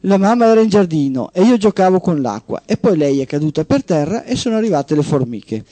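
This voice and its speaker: A small four-year-old girl, as a man reading aloud puts her on, answering in plain, earnest little phrases. The voice sits well above his own and has a mellow, soft edge. It is dry and close, as in a radio studio. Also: sits high, big pitch swings, fairly quick, no echo, pitched above the performer's own voice. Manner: simple, matter-of-fact childlike replies.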